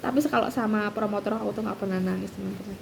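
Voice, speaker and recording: A woman's voice: fast, gravelly, slight background noise, rough recording. A woman, chatting casually as a vlogger about her doctoral studies, with lots of fillers and restarts. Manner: lively, acts out quoted voices at a higher pitch. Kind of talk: casual storytelling.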